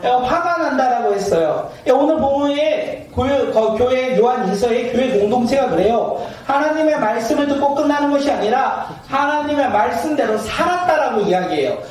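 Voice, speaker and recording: A high-voiced man preaching as a pastor, quizzing his congregation and waiting for their replies. He tells homely stories in a lively way, laughing as he goes. He sounds far from the mic in a church hall full of echo. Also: moderate pace, hardly any pauses. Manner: asks the congregation questions and waits for replies; lively, acts out everyday scenes with laughter. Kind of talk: sermon. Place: church sanctuary. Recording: echoey church hall from a distance.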